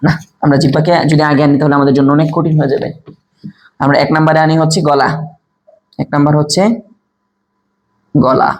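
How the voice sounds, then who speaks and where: A man teaching a step-by-step lesson, repeating key answers slowly, asking quiz questions aloud and demonstrating sounds himself. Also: a little high, reverberant. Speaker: Quran recitation teacher.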